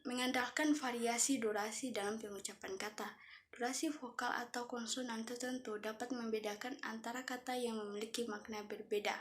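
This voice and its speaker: A young woman student reading a class presentation from notes, stumbling and correcting herself now and then. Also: a little high. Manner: reads from notes with self-corrections.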